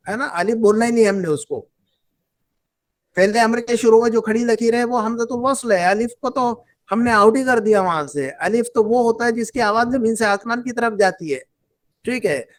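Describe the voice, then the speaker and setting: Woman teacher drilling a class. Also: mid-range voice. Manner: repetitive, drills students with questions. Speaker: Arabic teacher. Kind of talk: classroom lesson.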